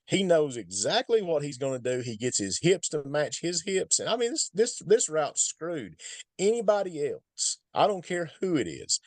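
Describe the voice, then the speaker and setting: A man's voice: a little high, darkish tone, dry recording. A man with an Appalachian hillbilly accent giving casual, emphatic sports commentary as a football film analyst, folksy and repeating points for stress.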